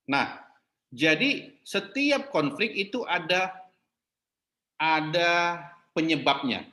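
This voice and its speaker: A man teaching a church marriage class, explaining calmly and asking his listeners questions. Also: fairly high pitch, extremely slow, long pauses. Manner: interactive, asks the class questions; mixes English terms into explanations.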